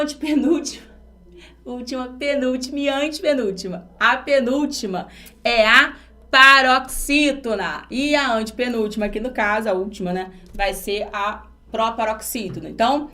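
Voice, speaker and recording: A woman's voice: fairly high pitch, measured pace, sharp tone. A woman from Brazil teaching an exam-prep grammar lesson, explaining step by step and asking her students rhetorical questions.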